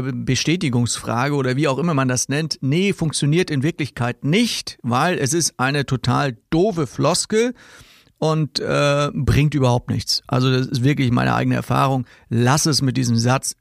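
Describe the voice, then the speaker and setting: A man's voice: medium pitch, gravelly, no room sound, studio quality. A man hosting a podcast as a sales trainer, talking casually and directly, laughing as he mocks stock sales phrases.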